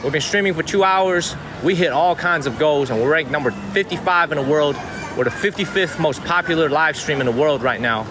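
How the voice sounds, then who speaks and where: A man's voice: a little high, fairly quick. A man hosting a live vlog outdoors, chatting on in a rambling way and repeating his phrases for emphasis. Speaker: live stream host. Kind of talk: live vlog street chat. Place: outdoors on a busy city street. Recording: noisy outdoor city street with traffic.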